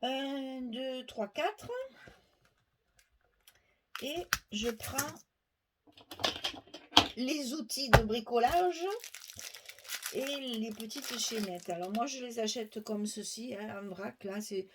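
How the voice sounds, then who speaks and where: Heavy background noise fills this clip of a middle-aged woman demonstrating a craft step by step at her worktable. Her voice is a little high, and she talks slowly with frequent pauses, chatting to viewers and explaining as she goes.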